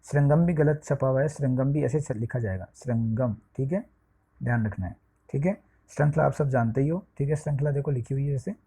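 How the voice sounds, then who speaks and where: A man's voice: mid-range voice, brisk, dark tone, breathy edge. A man teaching a Sanskrit lesson to eighth-grade students, explaining step by step, spelling out letters one at a time and often checking in with the class. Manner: often checks with "ठीक है" and "देखिए".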